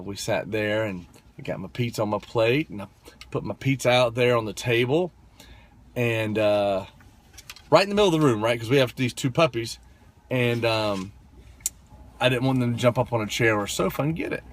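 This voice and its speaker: A man in his thirties talks straight to the camera in a relaxed, chatty way. He tells his story with plenty of fillers and keeps checking in with "right?" His voice sits at an ordinary middle pitch for a man. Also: moderate pace, slight background noise. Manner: conversational, full of fillers and tag questions. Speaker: motivational vlogger. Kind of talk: casual storytelling monologue.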